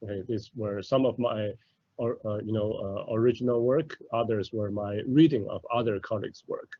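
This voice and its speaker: A man's voice: fairly low pitch, normal speed, no echo. Hesitant middle-aged man lecturing. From mainland China. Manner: hesitant, many fillers and "okay"s. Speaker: professor giving a talk. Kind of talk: academic lecture. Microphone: video call. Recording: dull lo-fi video call audio.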